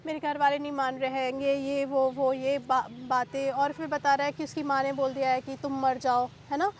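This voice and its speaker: A woman being interviewed, recounting a painful personal ordeal in agitated speech, mixing English into Hindi and asking sharp rhetorical questions. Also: high voice, little pitch movement, normal speed, a little hiss or hum. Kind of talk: emotional personal account.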